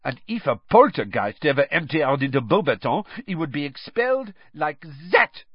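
A man's voice: fairly high pitch, very animated, moderate pace, husky, no room sound, dull audio, pitched above the performer's own voice. A man voicing a haughty young woman student who talks in a dismissive, impatient way.

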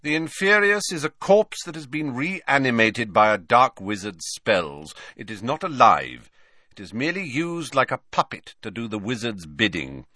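A man's voice: medium pitch, very animated, moderate pace, bright, forceful tone, no room sound, clean studio sound. A man voicing a cold, sneering male teacher with a bored, mocking drawl.

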